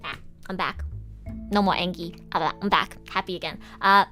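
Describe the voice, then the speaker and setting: A woman streamer chatting casually on a livestream, ranting in an animated, exasperated way, swearing and laughing often. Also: fairly low pitch, normal speed, faint music behind. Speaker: VTuber streamer.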